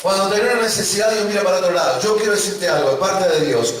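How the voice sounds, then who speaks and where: A man's voice: high voice, quick pace. A man with a River Plate Spanish accent, preaching a sermon and prompting the congregation to repeat after him. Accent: Rioplatense Spanish. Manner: emphatic preaching with congregation call-and-response. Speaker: pastor. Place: church. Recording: echoey church hall from far off.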